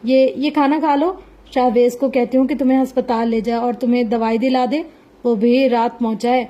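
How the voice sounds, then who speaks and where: A woman's voice: on the high side, fairly even intonation, warm tone, dull audio, lightly acted. A woman voicing a stern but caring middle-aged aunt who scolds and fusses. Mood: gentle. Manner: scolding, bossy.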